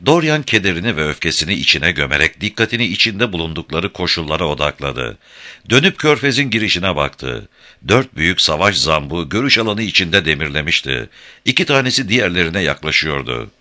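A man narrating an adventure audiobook in a dramatic, expressive storytelling manner. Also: sits low, a little fast.

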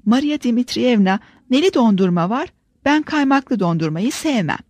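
A woman reading an audiobook, voicing a spirited, playful young girl with a high, ringing child's voice. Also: animated, normal speed, darkish tone, no room sound. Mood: cheeky.

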